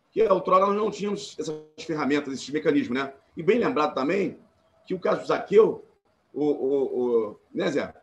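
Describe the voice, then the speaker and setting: A man's voice: sits high, muffled recording. Earnest Carioca man on a video call. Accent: Carioca Portuguese. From Brazil. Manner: earnest and emphatic, with repeated restarts. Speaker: panelist, former law student and activist. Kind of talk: live-streamed panel talk.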